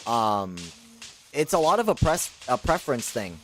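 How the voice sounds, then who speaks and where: A man streaming a shooter game live, chatting casually and rambling with slang, with sudden loud outbursts of surprise. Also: medium pitch, sing-song, normal speed, faint music behind.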